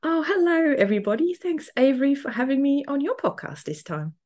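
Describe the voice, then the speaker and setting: A woman's voice: high voice, very animated, fairly quick, a little mellow. A woman in her forties from Switzerland with a Swiss German accent, a cheerful podcast guest who laughs easily. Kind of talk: podcast interview.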